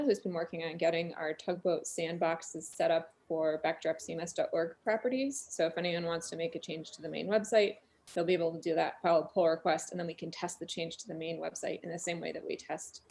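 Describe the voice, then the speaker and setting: A woman's voice: on the low side, gravelly, a little mellow. A woman hosting a weekly online developer meeting over a video call, upbeat and organized. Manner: upbeat, organized, thanks contributors. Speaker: meeting host.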